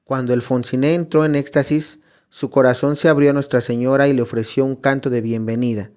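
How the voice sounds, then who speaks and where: Male narrator, mid-pitched, steady scripted storytelling. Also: a little fast.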